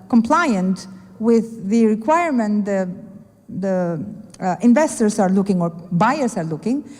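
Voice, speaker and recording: A woman's voice: a little high, a little mellow. A woman moderating a business panel, reflective and hedging, with frequent restarts. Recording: echoey event hall.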